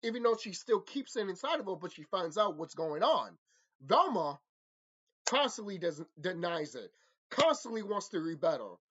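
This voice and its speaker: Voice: mid-range voice, big pitch swings, normal speed, fairly bright tone, breathy edge. A person delivering a vehement, profanity-laden opinion rant about cartoons, repeating phrases for mocking emphasis. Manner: ranting, vehement, heavy swearing. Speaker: commentator. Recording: dull lo-fi microphone.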